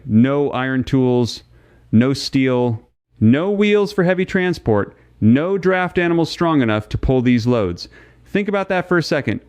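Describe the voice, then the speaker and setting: A man's voice: mid-range voice, clear, resonant tone, dry recording, studio quality. A man giving scripted documentary narration in a dramatic way, speaking straight to the listener and asking rhetorical questions.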